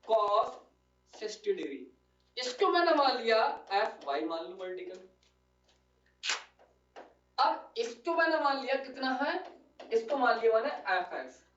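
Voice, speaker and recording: A man's voice: extremely high pitch, a bit bright. A man teaches physics at a board, talking his students through each step and checking they follow. He sounds set back from the microphone in an echoey room, and the recording is dull and lo-fi. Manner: coaxing, calls students "beta" and keeps asking "clear?". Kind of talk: classroom lecture. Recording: echoey room, distant lo-fi mic.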